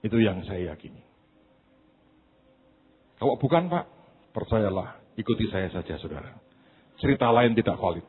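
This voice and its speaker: A man pastor preaching a sermon, swinging from quiet asides to high shouted preaching, with humorous stories and acted-out quotes. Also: lively intonation, normal speed, pauses often, breathy edge. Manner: tells humorous anecdotes and acts out quoted voices. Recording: thin phone-like sound.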